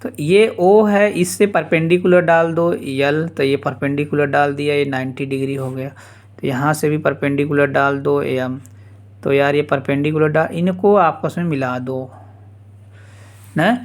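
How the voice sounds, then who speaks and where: A man teaching a geometry lesson informally, repeating steps slowly and dropping casual asides. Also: fairly high pitch, steady tone. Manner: slow, repetitive explaining with casual asides. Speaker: math teacher.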